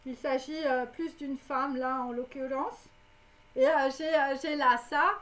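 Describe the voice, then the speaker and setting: A psychic reader does a live clairvoyant prediction, speaking directly to her viewers and rambling with plenty of fillers and tags. Her voice is high-pitched and fairly bright, with a measured pace and fairly even intonation.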